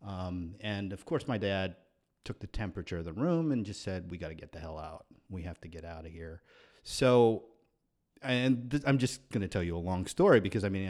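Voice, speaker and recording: A man from the Philippines, a guest poet, calmly telling a long story about his family. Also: low-pitched.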